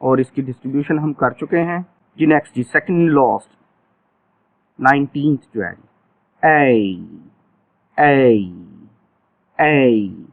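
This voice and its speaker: A man teaching phonetics in a lecture, repeating each example sound slowly. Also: a little high. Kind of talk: classroom lecture. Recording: tinny phone-like audio.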